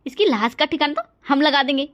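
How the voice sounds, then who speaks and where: A woman's voice: high-pitched, a little fast, a bit bright, dull audio. A woman voicing a cruel, scheming middle-aged mother-in-law in a cartoon drama, speaking in a harsh, goading way. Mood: menacing.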